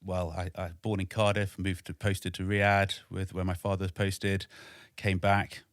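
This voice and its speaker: A man in his forties from Wales, a podcast guest talking in a measured, matter-of-fact way in a home studio. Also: sits low, monotone, no room sound. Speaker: podcast guest, army veteran. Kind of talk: casual interview.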